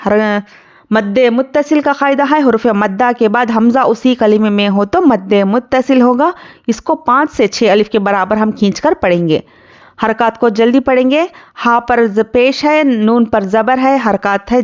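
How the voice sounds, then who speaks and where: A woman teaches Quran recitation in a patient, step-by-step way, breaking off to recite each phrase slowly and drawn out. Her voice sits fairly high and sounds smooth and clear. The recording is dull and lo-fi. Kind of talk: tajweed lesson, explaining rules word by word.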